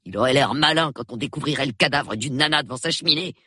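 A man reading an audiobook, voicing a nervy, sulky young artist who talks in a rushed, shaky, sullen way. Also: medium pitch, pushed and bright, breathy edge, dry recording, studio quality, voice pushed up. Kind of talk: audiobook character voice.

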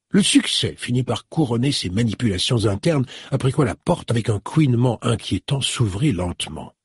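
A man narrating an audiobook chapter in an expressive, storytelling manner. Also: mid-range voice, husky, no room sound, clean studio sound. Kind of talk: scripted narration.

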